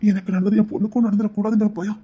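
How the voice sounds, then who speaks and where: A man playing an earnest older father, his voice lifted and strained with worry as he pleads. The voice is mellow and somewhat high. It has the dull sound of a lo-fi recording. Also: flat delivery, rapid-fire, breathy edge. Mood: fearful.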